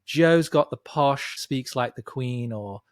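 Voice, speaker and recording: A man's voice: mid-range voice, takes it slowly, no room sound. A middle-aged man from the north of England hosting a casual interview, effusive and enthusiastic. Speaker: host.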